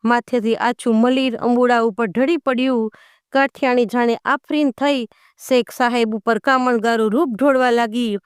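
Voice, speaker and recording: A woman's voice: on the high side, fairly even intonation, moderate pace, smooth, no room sound, clean studio sound. A woman narrating a folk tale in a dramatic storytelling manner, with rustic dialect in the characters' speech.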